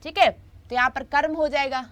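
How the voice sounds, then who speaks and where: A woman's voice: sits high, fairly even intonation, moderate pace, a bit bright. A woman teaching a grammar lesson in an online class, repeating her points and often checking in with her students.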